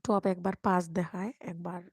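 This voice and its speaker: Soft-spoken woman whispering to her live viewers. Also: fairly low pitch, fairly even intonation, normal speed, husky, dry recording. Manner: speaks very softly, at times whispering. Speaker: live-stream host reading viewer comments. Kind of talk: casual live-stream chat. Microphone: microphone.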